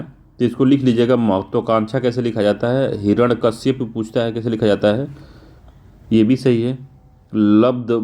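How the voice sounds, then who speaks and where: A male teacher going through exam answers, spelling words out slowly and repeating them, casual in tone. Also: mid-range voice, dark tone. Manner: informal, repeats "theek hai" often.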